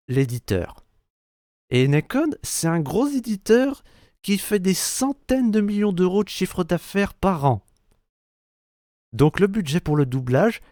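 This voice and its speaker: A man from France delivers a crude, profane, sarcastic rant in a reaction video. His pitch sits a little high and swings widely, while his pacing is slow and deliberate. The sound is dry and close. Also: darkish tone, no echo. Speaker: youtuber reacting to a trailer.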